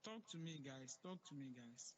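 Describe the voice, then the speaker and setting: A man's voice: on the high side, lively intonation, normal speed, slight background noise, rough recording. A man hosting an online class on a video call, coaxing his students to respond and closing the session. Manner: coaxing, urges audience to respond. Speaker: class host.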